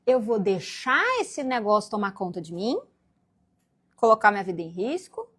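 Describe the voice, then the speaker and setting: A Brazilian woman, a guest speaker at a Spiritist meeting, gives a spiritual lecture to a congregation and acts out little scenes in different voices along the way. Her medium-pitched voice has lively intonation, a breathy edge and a normal speed.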